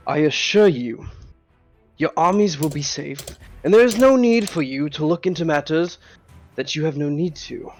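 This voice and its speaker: Man playing a pompous mustache-twirling villain lord, high-pitched. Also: expressive, moderate pace, darkish tone, soft background music. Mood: dismissive.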